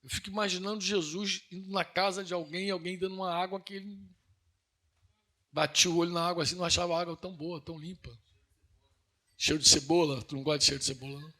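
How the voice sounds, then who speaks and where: A man with a Brazilian Northeastern accent preaching a sermon in an earnest, conversational way, asking his listeners questions and building to emphatic peaks. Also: pushed and bright. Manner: rises to emphatic high-pitched peaks.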